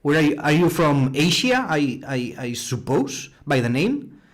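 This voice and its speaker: A man's voice: on the high side, sing-song, a little slow. A man from Spain with a Spanish accent, teaching a live online programming class in a chatty way, often repeating words and answering viewers' chat. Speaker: online robotics instructor. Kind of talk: live-streamed coding class.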